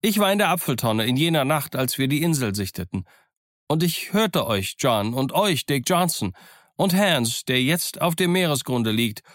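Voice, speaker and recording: A man voicing a defiant, excited young cabin boy in an audiobook, speaking in a fervent, declamatory way. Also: medium pitch, moderate pace, hardly any pauses, no echo, natural voice. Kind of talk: audiobook character voice. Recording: dry close studio sound.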